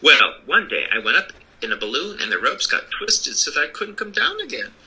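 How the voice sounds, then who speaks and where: A man's voice: on the high side, sing-song, normal speed, sharp tone, slightly rough, heavily acted, low-quality recording. A man voicing the Wizard of Oz as a kindly, apologetic old humbug, earnestly explaining himself in a storybook reading. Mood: confiding, explanatory. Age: older.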